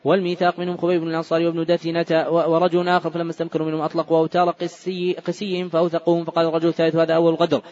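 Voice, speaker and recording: A man recites hadith very fast in a large mosque, his fairly high voice completely flat and darkish in tone. He restarts words he trips on, and the audio is dull.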